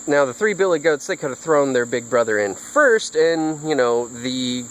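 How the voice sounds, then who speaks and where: A man's voice: medium pitch, very animated, normal speed, poor audio. Rambling man telling a story outdoors. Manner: rambling, with false starts. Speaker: vlogger. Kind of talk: casual storytelling vlog. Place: outdoors in a backyard.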